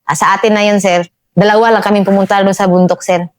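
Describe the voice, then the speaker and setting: A woman's voice: mid-range voice, flat delivery, fast. This is a woman soldier recounting her field operations to a superior officer. She speaks in short, deferential bursts and tags nearly every phrase with a respectful "sir.". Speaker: army corporal telling her combat story. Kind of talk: interview storytelling.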